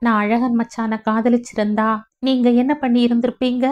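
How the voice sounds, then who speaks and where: A woman voicing a wounded, defiant young village woman who speaks in sharp, accusing tones in a storybook reading. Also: a little high, flat delivery, moderate pace, natural voice. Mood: bitter accusing. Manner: sharp, accusing, rising in anger. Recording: dull lo-fi audio.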